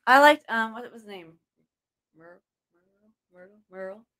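A woman's voice: a little high, moderate pace, fairly bright tone. A woman co-hosting a casual chat show, giggly and swearing casually. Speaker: podcast co-host.

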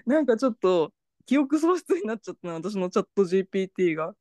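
Fast-talking woman, dry close sound. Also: medium pitch, dry recording. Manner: animated storytelling, reads out chat messages. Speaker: podcast host. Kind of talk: casual chat.

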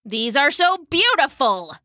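A woman's voice: sits high, big pitch swings, unhurried, pushed and bright, no echo, studio quality, pitched above the performer's own voice, exaggerated voice. A woman voicing a jealous goddess who poses as an old woman, haughty and indignant. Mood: sweet then scolding.

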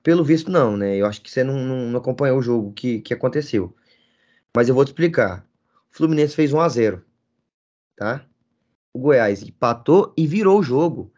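A man's voice: mid-range voice, lively intonation, fairly quick, a little mellow, highs cut off. A man, co-hosting a football debate show, mocking his opponent with repeated teasing. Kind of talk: heated sports debate.

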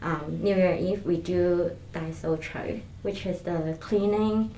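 A woman's voice: lowish voice, steady tone, slow pace, dark tone, reverberant, low-quality recording. A woman from Hong Kong chatting on a podcast, a little hesitant and adding short points. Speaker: social media coordinator. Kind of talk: casual podcast chat.

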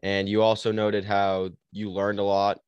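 A man's voice: fairly low pitch, monotone, a little slow, smooth, no echo, dull audio. A man hosting a podcast, asking long rambling questions in a casual way. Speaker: podcast host.

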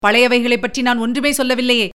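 Woman reading a stern older commander guy, bossy, voice pulled a little lower, smooth and clear. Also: steady tone, brisk, a bit bright, natural voice. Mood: commanding. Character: stern older male fort commander, authoritative.

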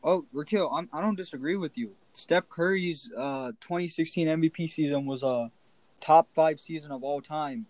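A man's voice: on the high side, moderate pace, a little mellow, no echo, rough recording. A man in a casual sports debate podcast, arguing his points assertively. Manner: assertive, argumentative. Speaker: podcast co-host.

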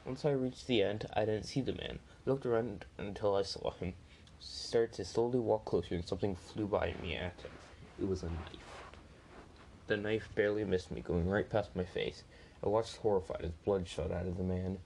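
A man's voice: lowish voice, steady tone, normal speed, vocal fry, a little mellow, slight background noise, poor audio. A man reading a first-person story aloud, plainly, with small slips and restarts.

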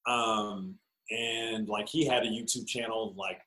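A man's voice: lowish voice, fairly even intonation, unhurried, bright, forceful tone, reverberant, low-quality recording. A man in his late thirties, a guest in a casual chat, talking loosely with slang and playful exaggeration. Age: 30s.

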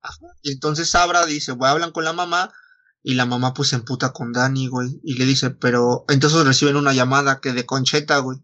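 A man's voice: medium pitch, little pitch movement, brisk, sharp tone, highs cut off. A Mexican man retelling a story in casual chat, slangy and foul-mouthed, acting out the dialogue as he goes. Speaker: podcast host retelling a story.

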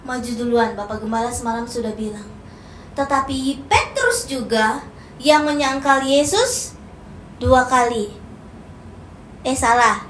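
A woman's voice: high voice, fairly bright tone, echoey room, a little hiss or hum. A woman preacher, giving a playful sermon and acting out the lines she quotes. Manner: playful, acts out quoted lines, teases the congregation. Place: church hall.

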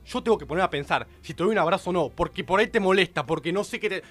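A man with a Rioplatense Spanish accent, a radio host arguing his point in a heated panel debate, talking in rapid bursts full of restarts. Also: sits high, faint music behind. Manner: rapid, excitable, many restarts.

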